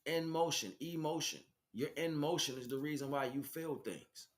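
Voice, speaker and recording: A man with a slightly high voice speaks at a moderate pace, preaching off the cuff as a spiritual teacher. He talks emphatically in short, repetitive bursts.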